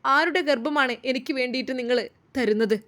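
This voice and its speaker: A woman's voice: high-pitched, normal speed, fairly bright tone. A woman voicing a frightened young wife who accuses her husband and pleads for the truth. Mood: accusing. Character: young deceived wife, frightened but defiant.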